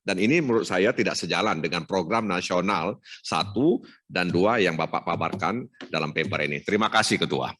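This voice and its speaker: Low-voiced man making a formal complaint. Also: a little fast, a bit bright. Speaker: parliament member. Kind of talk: formal comment at a hearing.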